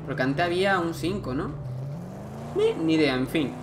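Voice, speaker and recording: A man commentates his gameplay in a chatty, thinking-aloud way, reading the on-screen text aloud. His voice sits fairly high for a man. A steady noise runs clearly under the recording. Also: normal speed. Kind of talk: let's play commentary.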